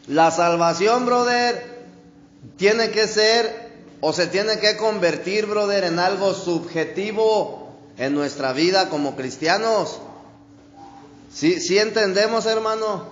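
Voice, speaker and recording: A man preaching a sermon in a conversational way, often calling the listener "brother" and checking "¿sí?", and drawing out key words slowly. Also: high voice, echoey room, long reverb tail, muffled recording. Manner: slow, drawn-out stresses on key words. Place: church hall.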